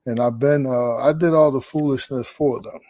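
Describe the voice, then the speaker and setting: A man's voice: medium pitch, normal speed, dark tone, dry recording, rough recording. A middle-aged man, a boxing head trainer, answering interview questions in a loose, candid way and swearing now and then.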